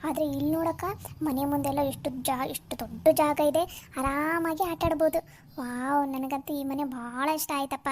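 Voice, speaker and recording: A woman plays a sweet little cartoon girl who chatters to her father in a childlike, pleading way. The voice is very high and piping. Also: fairly even intonation, moderate pace, slight background noise, natural voice. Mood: excited. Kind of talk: Kannada cartoon voice acting.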